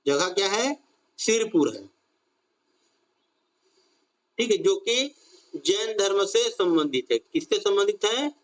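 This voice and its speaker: Teaching an online current-affairs exam-prep class, a man with a high, animated voice keeps a measured pace. He repeats questions to drill his students and draws out key phrases.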